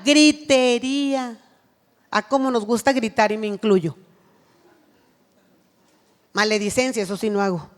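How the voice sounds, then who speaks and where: A woman's voice: on the high side, in a large hall. A woman giving an earnest sermon at a women's church retreat, acting out what a mother says to her child.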